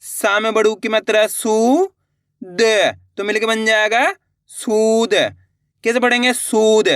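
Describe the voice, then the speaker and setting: Slow, smooth man sounding out syllables. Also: high-pitched, steady tone, fairly bright tone. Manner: sounds out words syllable by syllable, drawing out vowels; addresses viewers as friends, encouraging. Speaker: Hindi reading teacher. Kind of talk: online reading lesson.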